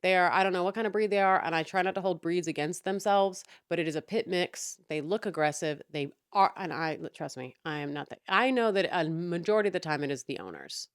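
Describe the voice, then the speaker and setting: A woman's voice: on the low side, lively intonation, a little fast, few pauses, dry recording, studio quality. A young woman hosting a casual storytime rant, chatty and exasperated, swearing freely. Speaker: podcast host.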